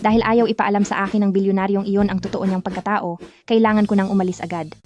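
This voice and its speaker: A woman's voice: medium pitch, flat delivery, fast talker, a little mellow, soft background music, close to an everyday voice. Woman playing a breezy, teasing young bride. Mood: amused. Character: cheerful unbothered young bride. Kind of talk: Filipino dub of a drama.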